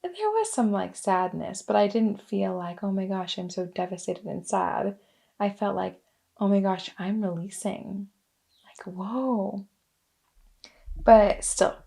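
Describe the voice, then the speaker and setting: A young woman telling a personal story in a casual, chatty way, full of "like" and "um", with soft asides. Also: medium pitch. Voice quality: creaky fry voice. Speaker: wellness vlogger.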